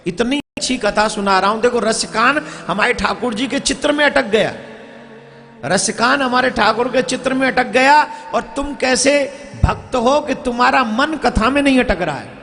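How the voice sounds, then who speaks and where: A man's voice: very high voice, moderate pace, pushed and bright. A man giving a devotional sermon to a live crowd, telling a story, acting out its characters and scolding the listeners. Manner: scolds and exhorts the audience. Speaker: religious storyteller. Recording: echoey hall with music.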